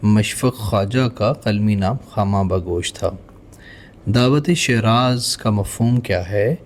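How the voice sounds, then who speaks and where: A man with a Pakistani accent teaching an exam-prep lesson, reading out each question and then explaining the answer in a measured way. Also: lowish voice, a little hiss or hum.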